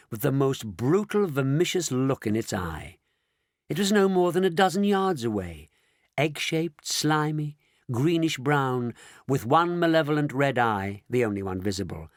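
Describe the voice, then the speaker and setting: A man narrating a children's audiobook in an expressive, dramatic reading style. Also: mid-range voice, dry recording, clean studio sound. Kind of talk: scripted storybook narration.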